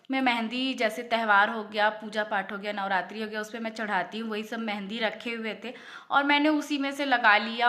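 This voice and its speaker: A woman's voice: on the high side, bright, forceful tone. A woman vlogging in casual, chatty Hindi mixed with English words, upset and close to tears as she talks to her viewers. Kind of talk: casual vlog talk to camera.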